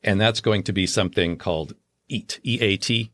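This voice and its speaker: A man with a lowish voice co-hosts a casual podcast, explaining his views with easy confidence. The sound is dry and close, with no room around it. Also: moderate pace, a bit bright, no room sound. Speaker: podcast co-host.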